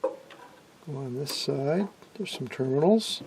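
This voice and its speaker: Taking it slowly, a middle-aged man with an expressive, creaky, darkish mid-range voice demonstrates vintage radio work as a hobbyist presenter. Off camera at his workbench in an indoor workshop, he explains casually and matter-of-factly as he works, with slight background noise.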